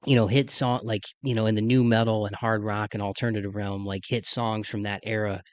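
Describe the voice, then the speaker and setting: Deeper than usual due to sinus congestion, this man's voice sits on the low side, barely shifts in pitch, and runs a little fast. The mid-thirties podcast host chats casually in slang, often saying "man," with no echo.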